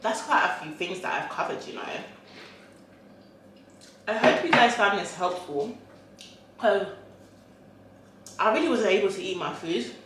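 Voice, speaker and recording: A woman's voice: mid-range voice, lively intonation, measured pace, pauses often, a bit bright, slight background noise. A woman vlogger chatting casually while eating, rambling with lots of fillers. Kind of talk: casual chat mukbang. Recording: very echoey room.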